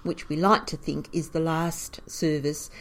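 Caretaker type: woman, lower voice, animated storyteller who chuckles often. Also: measured pace. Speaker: caretaker of a historic cottage museum. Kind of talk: storytelling in an interview.

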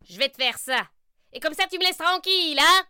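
A woman's voice: very high-pitched, expressive, brisk, pushed and bright, no room sound, clean studio sound, pitched above the performer's own voice, heavily acted. A woman voicing a grumpy, bossy witch in a storybook reading, snapping and exclaiming. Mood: gruff.

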